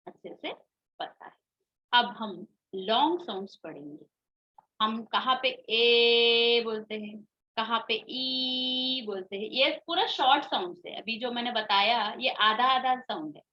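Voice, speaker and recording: A woman schoolteacher speaks in a somewhat high, bright voice over a muffled, lo-fi video-call line. She runs an online phonics class at a very unhurried pace, lingering on each long vowel and coaxing her young pupils along. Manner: slow, drawn-out vowel demonstrations, calls pupils "beta". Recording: dull lo-fi video-call audio.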